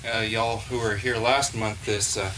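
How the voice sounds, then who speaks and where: A man's voice: fairly low pitch, little pitch movement, measured pace. A man hosting a poetry open mic, talking loosely to the audience with lots of fillers and trailing off. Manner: loose, rambling, filler-heavy. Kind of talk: casual stage banter. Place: live reading venue. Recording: noisy live room recording.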